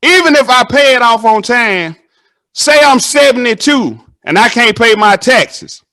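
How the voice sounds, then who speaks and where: A man, hosting a casual interview and telling animated stories that act out the dialogue. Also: very high-pitched, a little slow. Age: 30s. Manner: animated storytelling, acts out dialogue.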